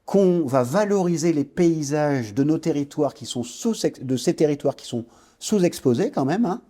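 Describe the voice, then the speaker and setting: Warm-voiced man telling his story. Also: a little high, animated, normal speed. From French Guiana. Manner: reflective storytelling, frequent hesitations and restarts. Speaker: guest entrepreneur. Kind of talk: podcast interview.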